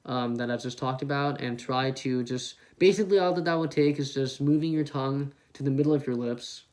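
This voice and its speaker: A man on a headset mic giving a casual beatboxing tutorial, explaining step by step and demonstrating the sounds. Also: medium pitch. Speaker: beatbox teacher.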